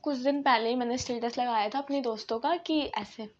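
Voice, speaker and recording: A young adult woman telling a casual storytime, blunt and slangy in an animated way. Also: a little high, fairly quick, highs cut off. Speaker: vlogger. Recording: clear background noise.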